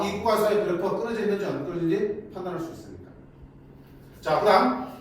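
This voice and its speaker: A man teaching a math lesson in a chatty way. He keeps asking students questions and then answers them himself. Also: sits high. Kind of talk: lecture to students. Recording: echoey room, mic at a distance, faint noise.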